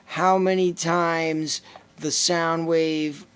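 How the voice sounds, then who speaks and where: This podcast co-host has a Lithuanian accent and a high, clean-toned voice, delivered very slowly. During a relaxed chat, he reads passages from a book out loud in an even, list-like rhythm.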